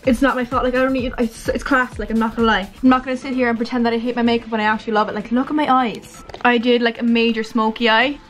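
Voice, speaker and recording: A woman's voice: on the high side, fairly even intonation, fast talker, hardly any pauses, soft background music. A woman in her twenties with an Irish accent chatting casually to a handheld camera in a bedroom, dramatic, sweary and self-mocking, often repeating words. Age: 20s. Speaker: vlogger. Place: small bedroom indoors. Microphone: handheld vlog camera at arm's length.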